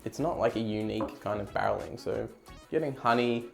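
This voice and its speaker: A man's voice: lowish voice, brisk, gravelly, faint music behind. An Australian man giving a casual whiskey review, rambling a little as he searches for words. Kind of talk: casual tasting chat.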